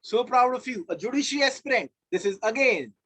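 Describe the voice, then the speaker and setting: A man's voice: very high voice, expressive, brisk, fairly bright tone, breathy edge, dry recording. A man with an Indian accent teaching a live online class, emphatic and repeating key phrases. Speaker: law teacher. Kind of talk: live online lecture to students.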